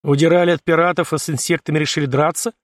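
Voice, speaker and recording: A man voicing a gruff, grim male fleet admiral in an audiobook, with stern and brusque speech. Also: a little high, fast talker, no room sound, studio quality, voice pushed up.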